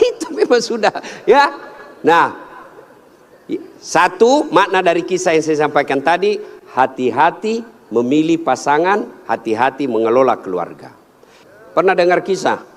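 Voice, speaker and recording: Animated, joking male preacher. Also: a little slow. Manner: jokey, storytelling, animated with sudden high-pitched punchlines. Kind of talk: humorous sermon at a large outdoor religious gathering.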